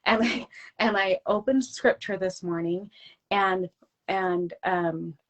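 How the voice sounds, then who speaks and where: A woman's voice: mid-range voice, slow, a bit bright. Earnest woman guest in her forties. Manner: earnest, heartfelt, talks about faith. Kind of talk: casual interview chat.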